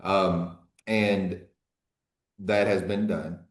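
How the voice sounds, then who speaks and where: A man speaking as an attorney in a courtroom recording, formally questioning a witness in a measured, halting way. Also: low voice, flat delivery, echoey room. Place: courtroom hearing.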